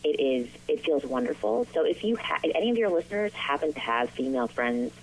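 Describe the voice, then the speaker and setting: A woman's voice: deep voice, animated, a little fast, a little hiss or hum. A woman dating coach answering interview questions on a phone call, earnest and encouraging, with a few ums.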